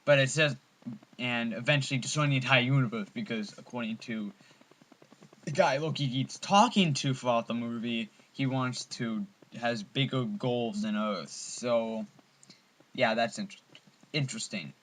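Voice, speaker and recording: A man's voice: mid-range voice, moderate pace, a bit bright. A man giving a casual, rambling film review as an enthusiastic fan, full of ums and restarts. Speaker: movie reviewer.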